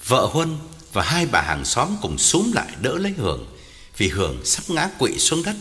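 A man narrating a ghost story as a storyteller, dramatic and highly varied in delivery. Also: wildly swooping pitch, normal speed, a bit bright. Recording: long hall reverb, music underneath.

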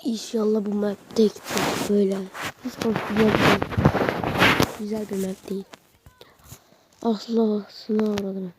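A woman giving live commentary while playing a video game, excitable and urging her teammates on with slangy shouts. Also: medium pitch, slow, pauses often. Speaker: gaming channel host. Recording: clear background noise and game clicks.

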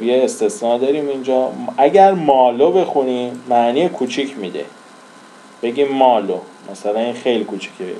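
A man's voice: mid-range voice, mellow, rough recording. A man teaching a language lesson in casual Persian-language style, repeating and drawling example words as he writes.

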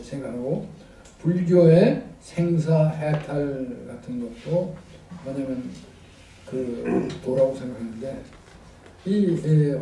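A man giving an academic philosophy lecture, slow and halting with many fillers, reading from handout pages. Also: a little high, dark tone. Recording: echoey room, distant mic, faint noise.

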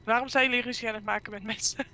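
A woman's voice: on the high side, steady tone, racing, bright, forceful tone, a little hiss or hum. A woman chatting casually while playing a game with friends, explaining things in a chatty way. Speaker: gamer. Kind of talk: casual gameplay chat.

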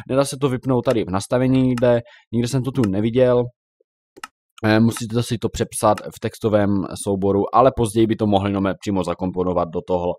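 A young man giving casual, chatty commentary while showing a game, now and then reacting loudly to in-game creatures. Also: lowish voice, no echo. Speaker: Minecraft YouTuber.

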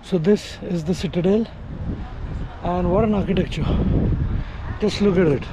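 A man's voice: high voice, normal speed, background noise. A man hosting a travel vlog outdoors, talking enthusiastically and exclaiming at the sights. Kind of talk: casual travel vlog commentary. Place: outdoors at a mosque courtyard.

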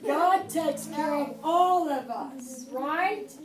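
A middle-aged woman draws out her words in a high voice as she reads a Bible story to preschoolers in a church classroom, prompting them to join in. Crowd noise is audible, and a far camera captures the echoey room from a distance.

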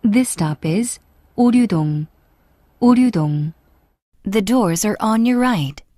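A woman reading scripted subway stop announcements, formal and deliberate, with clearly separated phrases. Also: mid-range voice, lively intonation, mellow, no echo, clean studio sound. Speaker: English-language subway announcer.

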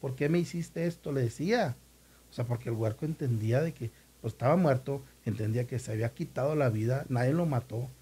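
A man tells a story in casual chat. His voice is husky and mellow. He acts out the people he quotes with lively shifts in his voice. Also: mid-range voice, brisk. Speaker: former newspaper reporter, podcast guest.

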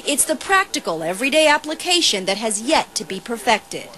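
A woman's voice: a little high, brisk. Woman reporter narrating a news feature. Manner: even, polished reporter delivery. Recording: voice-over with music bed.

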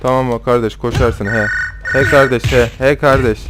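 A man's voice: mid-range voice, steady tone, normal speed, over loud music. A young man commentating his own gameplay in casual talk, rowdy and swearing at the characters on screen. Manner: rowdy, swearing, trash-talking the game characters. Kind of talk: casual let's-play commentary.

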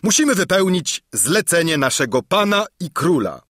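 Male narrator as a firm storybook envoy knight, crisp formal delivery, raspy tone, dry. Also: fairly high pitch, big pitch swings, moderate pace, a bit bright, dry recording, voice pushed up. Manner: firm, emphatic formal speech. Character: stern dutiful knight captain, grown man. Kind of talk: audiobook character voice.

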